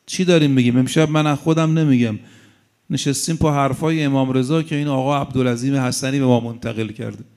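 A middle-aged man preaching a sermon, telling stories with humor and asides to his listeners. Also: medium pitch. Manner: animated, storytelling with humor and asides.

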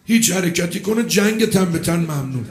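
A man's voice: high voice, animated. A man acting out a cruel, scornful enemy army commander who barks orders and insults his men. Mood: commanding. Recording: echoey hall with faint music.

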